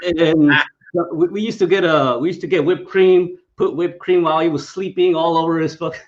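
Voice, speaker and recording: A man's voice: on the high side, fairly even intonation, normal speed, highs cut off. A man in casual chat, swearing heavily and laughing often while telling army stories. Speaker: veteran discussion guest.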